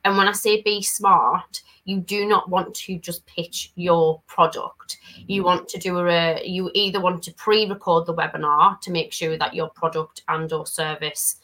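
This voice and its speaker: A woman's voice: on the low side, level tone, unhurried, few pauses, sharp tone, rough recording. A woman on a panel discussion, giving practical advice in an emphatic, advisory way.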